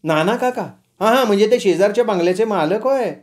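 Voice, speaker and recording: Guy doing a sassy young woman in a story, mocking comebacks, sharp and higher. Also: lightly acted. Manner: mocking, quick-witted retorts. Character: sharp-tongued teasing young woman behind a door. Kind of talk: storytelling with acted dialogue.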